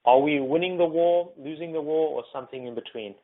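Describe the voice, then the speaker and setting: A South African man with a slightly high voice moderates a panel webinar quickly and easygoingly, using lots of ums and uhs. The audio sounds narrow, like a phone line.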